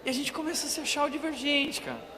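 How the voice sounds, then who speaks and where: A young Brazilian man preaching an animated, comedic sermon, acting out scenes, in a church auditorium. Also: extremely high pitch, fast. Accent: Brazilian Portuguese. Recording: reverberant church hall, faint noise.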